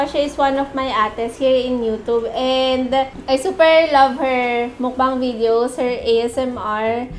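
A woman's voice: high-pitched, a little hiss or hum. A young woman with a Filipino accent, giggling often as she chats casually while hosting her food vlog and switching between Tagalog and English. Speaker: mukbang vlogger. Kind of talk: casual chat.

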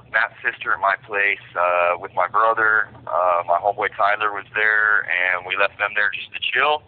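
Low-voiced man over a tinny phone. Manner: halting, many fillers, frank. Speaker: prisoner telling his own story. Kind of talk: personal confession by phone. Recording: tinny prison phone line.

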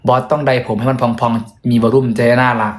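A young man chats away in a casual vlog, joking and poking fun at himself. His voice sits at a middling pitch and echoes around a roomy hotel room. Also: level tone, a little fast. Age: young adult. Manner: chatty, joking, self-deprecating. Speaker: vlogger and singer.

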